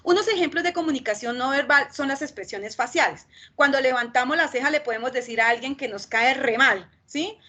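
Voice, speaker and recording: Fast-talking Colombian woman trainer. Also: high voice, bright, forceful tone, slightly rough. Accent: Colombian Spanish. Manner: talks fast with frequent "¿sí?" check-ins. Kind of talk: training lecture.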